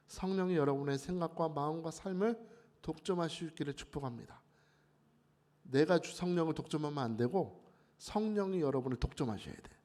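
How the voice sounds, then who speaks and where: A man preaching a sermon at a dawn prayer meeting, emphatic, with sudden louder rises. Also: fairly high pitch.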